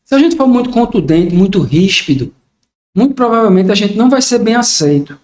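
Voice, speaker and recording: An older man speaking at a high pitch, explaining his points in a reflective way and acting out small everyday exchanges. The room around him is noticeably echoey. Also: big pitch swings, brisk, darkish tone. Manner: reflective, explains with acted-out examples. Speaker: podcast guest. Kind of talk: casual podcast conversation.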